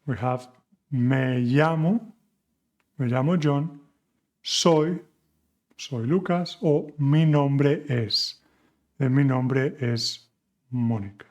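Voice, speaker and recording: A man's voice: medium pitch, slow pace, pauses often, a little mellow. A man teaching a beginner language lesson, patiently asking questions and answering them himself. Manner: patient, asks questions and answers them, mixes English and Spanish. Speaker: Spanish teacher.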